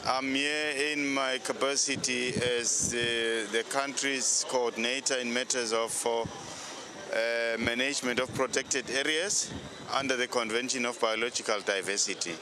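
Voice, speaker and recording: A man, a government delegate, speaking in a measured, formal way. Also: mid-range voice, fairly even intonation. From Swaziland. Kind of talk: street interview answer. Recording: outdoor crowd noise.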